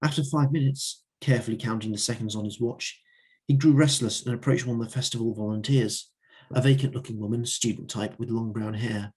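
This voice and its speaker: Husky man reading his own story. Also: mid-range voice, steady tone, fairly quick, a little mellow. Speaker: open mic reader.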